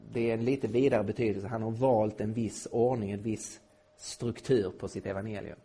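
Husky, emphatic man lecturing a group. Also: mid-range voice. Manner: emphatic, rising to loud indignation. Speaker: Bible teacher. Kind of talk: lecture to a live audience.

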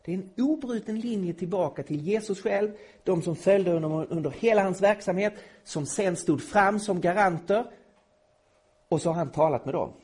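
A middle-aged man teaching a Bible lesson to a live audience, emphatic and at times rising to loud indignation. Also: high voice, breathy edge.

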